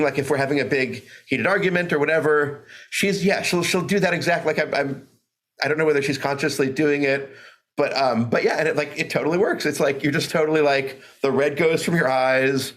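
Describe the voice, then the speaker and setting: A man's voice: fairly high pitch, fairly bright tone. Guy hosting a podcast, rambly and casual, says like a lot. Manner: loose and chatty, full of "like" and restarts. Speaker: podcast host.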